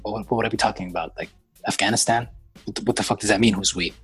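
A man's voice: fairly low pitch, steady tone, fast, fairly bright tone, husky, dry recording, faint music behind, rough recording. A man from Canada in a casual group chat, telling wry stories in a laid-back way and laughing often.

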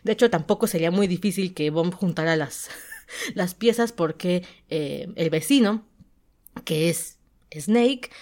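A chatty Mexican woman with a somewhat low-pitched voice tells a story in a loose, conversational way. She hosts a podcast and keeps talking through pauses as she searches for the right word. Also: darkish tone. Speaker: podcast host and novelist. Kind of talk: casual storytelling, recapping a story.

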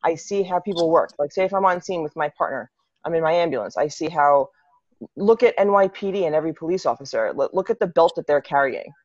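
This deep-voiced young adult woman talks fast and animatedly, her tone on the dark side, as she chats casually on a podcast and frequently restarts sentences. She works as a city EMT and a fitness coach. The sound is dry, dull, and lo-fi.

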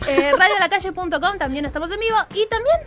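A woman's voice: very high voice, animated, fast, soft background music. A woman with an Argentine accent co-hosting a live show, effusive and giggly. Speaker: co-host.

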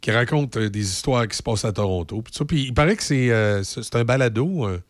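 A man's voice: medium pitch, expressive, a little fast, no room sound, clean studio sound. Sarcastic Québécois radio man. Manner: sarcastic, stammering repetitions. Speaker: morning radio co-host. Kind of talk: casual morning radio chat.

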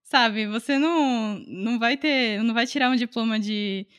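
Woman, from Salvador, slightly high voice, relaxed chatty conversation. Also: moderate pace, clear, resonant tone. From Salvador, Brazil. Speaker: singer, artist. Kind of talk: casual conversation.

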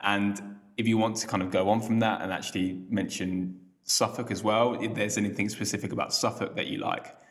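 A man's voice: fairly low pitch, little pitch movement, fairly quick. A man hosting a podcast interview, putting questions in a polite, informal way. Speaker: podcast host. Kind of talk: casual interview chat.

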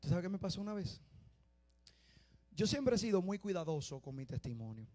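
A man preaching a sermon, dropping to quiet confiding talk and rising to loud shouted exhortation. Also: sits high, very animated, brisk.

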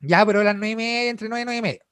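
A young Chilean man telling a story in a casual chat, animated, laughing and full of slang. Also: sits high, rapid-fire. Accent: Chilean Spanish.

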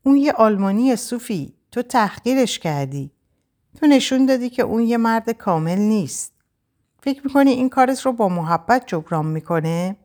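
A woman reading the part of a desperate young captive in an audiobook, her voice kept low and urgent as she presses her friend to flee. The tone lifts somewhat above the reader's own and swings widely from line to line. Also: lively intonation, close to an everyday voice. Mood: pleading. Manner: urgent, hushed pleading. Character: desperate young Frenchwoman, captive, urging escape.

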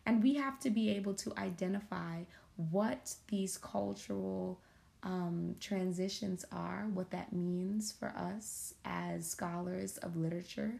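Gravelly, mellow-voiced woman podcast host. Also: on the low side. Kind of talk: reflective podcast introduction.

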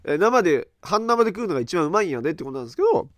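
Middle-aged male podcast host with a higher voice and a very animated delivery, rambling casually and acting out reactions, dry recording. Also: very fast, no echo. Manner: loose and rambling, with many fillers.

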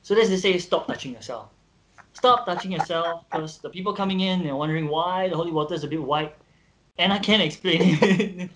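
A man's voice: high-pitched, quick pace, fairly bright tone, a little hiss or hum, low-quality recording. A man, co-hosting a podcast in playful, irreverent chat and acting out quoted voices. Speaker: podcast co-host. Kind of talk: joking casual chat.

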